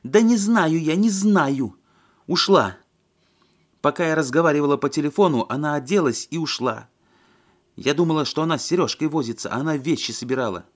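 A man's voice: moderate pace, natural voice. A man voicing a spiteful, envious woman who shrieks her lines in an audiobook. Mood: shrill, hateful. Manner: shrill, shrieking.

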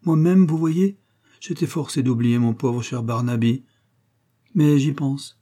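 A man's voice: medium pitch, a little slow, mellow, pitched above the performer's own voice, lightly acted. A male reader voicing a vain, effusive middle-aged woman who has newly remarried, exclaiming piously and gushing over everyone.

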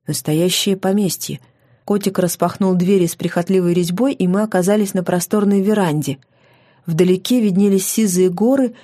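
Wry mellow-voiced woman reading a novel. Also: lowish voice, dry recording, studio quality. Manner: wry, lively first-person storytelling. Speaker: audiobook reader. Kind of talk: first-person audiobook narration.

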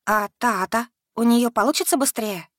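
A woman's voice: medium pitch, animated, moderate pace, dry recording, clean studio sound, pitched above the performer's own voice, natural voice. A woman voicing a curious young female magic student who asks many questions.

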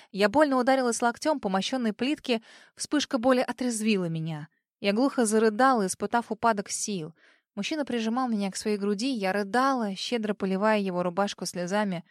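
A young adult woman narrating a dramatic story in the first person, with an emotional, expressive reading. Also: fairly high pitch, a little fast, no room sound, clean studio sound. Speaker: audiobook narrator.

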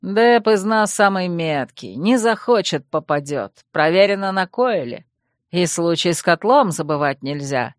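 A man's voice: high voice, lively intonation, measured pace, no echo. A woman reading an audiobook, voicing a clever, teasing young male fox shifter with a dry, mocking drawl.

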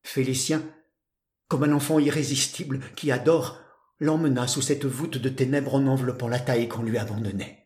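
Man narrating a classic tale, measured. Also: mid-range voice, a little mellow. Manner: measured, literary. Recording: roomy echo.

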